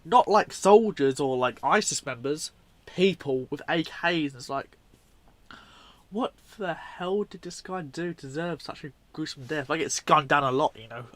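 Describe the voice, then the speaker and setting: A man's voice: on the high side, a bit bright, dry recording. A man giving casual, unscripted commentary on video clips in a rambling, informal way, often correcting himself. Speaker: video host.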